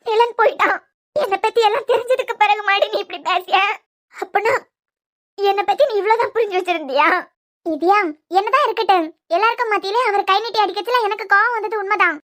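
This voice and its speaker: A woman doing a very high-pitched hurt young woman. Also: fairly quick, a bit bright. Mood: reproachful. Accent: Kanyakumari Tamil. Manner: pleading, reproachful. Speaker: voice artist. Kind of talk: cartoon serial dialogue.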